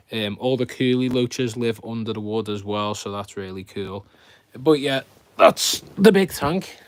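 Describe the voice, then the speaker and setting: A man's voice: fairly low pitch, dry recording. A man hosting a casual live stream, chatting in a rambling way to viewers as he shows what he keeps. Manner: rambling, chatty commentary with viewers addressed directly. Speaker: host of a fishkeeping live stream. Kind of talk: casual live chat, showing his fish tanks.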